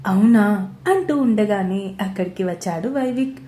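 A woman narrating a romance story in a steady, plain reading style, in a roomy-sounding recording. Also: medium pitch, moderate pace. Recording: roomy echo.

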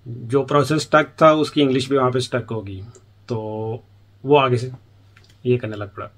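A man's voice: medium pitch, fairly even intonation, normal speed, slight background noise. A man from Pakistan, an international student in the UK, giving chatty advice in a casual vlog and acting out little exchanges as he talks. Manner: chatty, acts out quoted exchanges.

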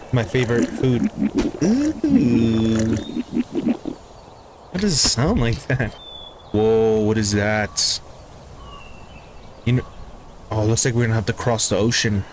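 A young man giving casual, excitable commentary as he plays a video game, talking to himself about what he sees. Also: on the low side, background noise. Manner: chatty and excitable, talks to himself while playing. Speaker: gaming YouTuber. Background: game music.

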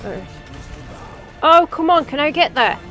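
A woman narrates her own playthrough with jokey, excitable commentary, bantering with the characters on screen. Her voice swings widely in pitch as she reacts. Soft game music plays faintly underneath. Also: unhurried. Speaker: gaming channel host. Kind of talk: let's play commentary.

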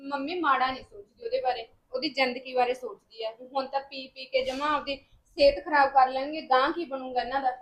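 Punjabi daughter telling off her dad, earnest and high played by a young woman. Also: steady tone, a little fast, natural voice, poor audio. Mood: reproachful. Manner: reproachful, earnest. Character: upset young adult daughter scolding her father.

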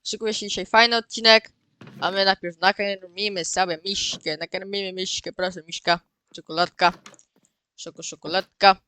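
A man giving casual, excitable gameplay commentary as the host of his own channel, often repeating words and calling out to his viewers. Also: high-pitched, normal speed, smooth, no echo. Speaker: gaming video host.

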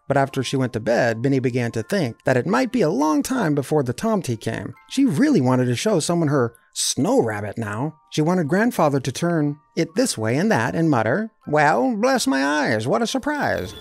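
Brief: male storyteller, expressive kids' read-aloud, gravelly. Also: mid-range voice, moderate pace, few pauses, no echo, faint music behind. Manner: lively, expressive reading.

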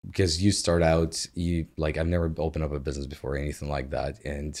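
A man's voice: rumbling low, little pitch movement, fast talker, a little mellow. A man in his thirties from Ukraine, a guest in a casual home interview, talking in an easygoing way with loose phrasing and frequent laughs. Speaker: guest, agency founder. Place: home living room. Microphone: studio mic on boom arm.

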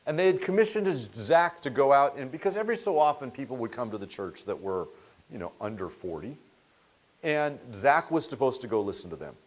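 A middle-aged man lectures a small group in a meeting room, picked up from a distance. His pitch rises and falls a great deal as he tells stories. He talks casually and sometimes breaks off a word to start it again. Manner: conversational, animated, restarts mid-word. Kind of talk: storytelling seminar lecture.

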